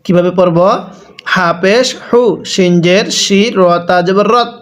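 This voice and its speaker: Male Quran teacher, high voice, slow patient syllable drills. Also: fairly bright tone. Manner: spells syllables slowly and repeats them for the learner. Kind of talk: slow spelling drill lesson.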